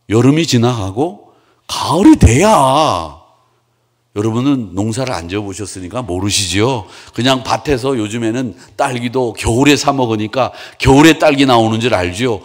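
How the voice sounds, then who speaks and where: Animated male pastor quizzing his congregation. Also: medium pitch. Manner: conversational, quizzes the congregation and has them repeat words. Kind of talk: Wednesday sermon. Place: church sanctuary.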